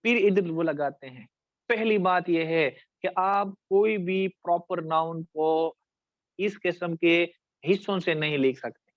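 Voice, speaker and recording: High-pitched Pakistani teacher lecturing a class. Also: male voice, no echo, lo-fi sound. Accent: Pakistani Urdu. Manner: addresses students directly, checks understanding; stretches out words slowly to demonstrate syllables. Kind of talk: classroom lecture on essay writing.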